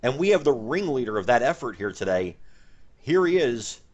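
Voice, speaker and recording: Male host, comedy sketch, mock-indignant, lively pitch. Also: moderate pace, muffled recording.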